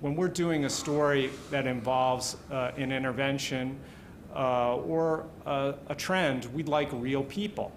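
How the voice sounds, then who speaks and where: A middle-aged man speaking as an editor on a panel, measured and explanatory with some hesitation, at a table microphone in a wood-panelled hall. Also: medium pitch, steady tone, a little hiss or hum. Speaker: panelist, radio news editor. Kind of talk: panel discussion remarks.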